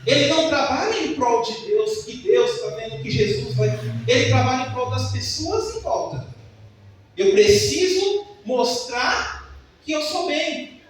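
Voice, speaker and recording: Man preaching, emphatic sermon, very high voice, faint background noise. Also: lively intonation, a little slow. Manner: emphatic, storytelling. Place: church. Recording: echoey church hall from far off.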